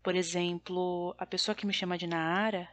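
A woman performing a stand-up comedy monologue in a wry, deadpan, exasperated way. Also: lowish voice, normal speed.

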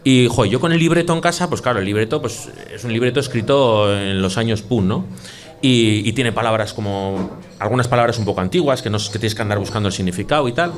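Jokey Basque podcast host. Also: male voice, mid-range voice, a little fast. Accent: Basque Spanish. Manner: jokey, teasing, tells anecdotes. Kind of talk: casual chat.

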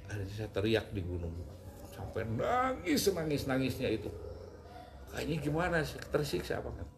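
A man's voice: mid-range voice, normal speed, gravelly, noisy background. A middle-aged man, a guest in an interview, emotionally recounting a personal story. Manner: emotional, animated retelling with rising outbursts.

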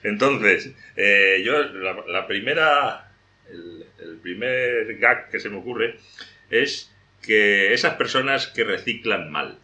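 A man speaking as a podcast guest in casual chat, laying out his points slowly and deliberately. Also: on the low side, expressive, sharp tone.

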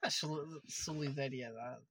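A man's voice: medium pitch, measured pace, crowd noise. A young man with a European Portuguese accent, chatting casually and informally with plenty of slang. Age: young adult. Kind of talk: casual chat.

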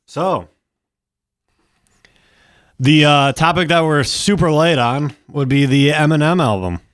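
A man's voice: on the high side, slow pace, a bit bright, no room sound, studio quality. A man co-hosting a casual podcast, talking while eating. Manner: talking with his mouth full. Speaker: podcast co-host.

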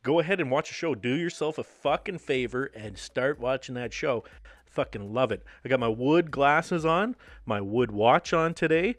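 Animated, cursing male show host. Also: medium pitch, moderate pace, no echo. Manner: profane, rambling and animated. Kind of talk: casual drinking-show chat.

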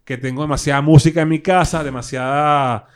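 A man with a Caracas Venezuelan accent, a guest musician telling stories in animated, slangy casual chat with lots of fillers. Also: a little high, a little fast, smooth. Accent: Venezuelan Spanish (Caracas).

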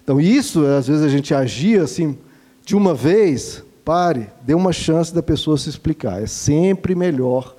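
A man with a fairly high voice gives earnest parenting advice as a father. His tone is gentle and instructive, and he speaks fondly to his listeners. His voice has a warm, mellow timbre. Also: lively intonation, measured pace. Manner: gentle and didactic, calls listeners "dear ones".

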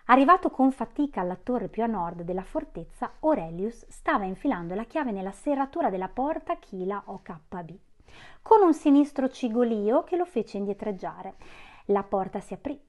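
A woman reading a novel aloud in measured storytelling. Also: a little high, lively intonation. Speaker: audiobook reader.

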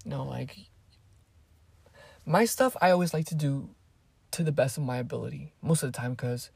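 This eighteen-year-old woman, whose first language is Spanish, is a vlogger having a casual, rambling chat with her viewers and drifting off topic. She has an extremely low, creaky voice with a darkish tone and a breathy edge, speaking at a moderate pace with no echo.

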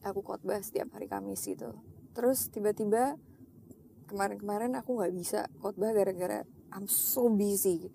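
A middle-aged woman sharing a personal testimony in a casual chat, storytelling in an animated way and slipping into English phrases. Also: medium pitch, normal speed, creaky, slight background noise. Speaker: guest, lay preacher.

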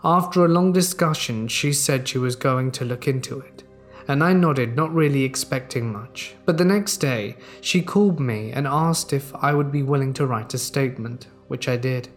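A man narrating a submitted true horror story in a steady, measured way. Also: medium pitch, soft background music.

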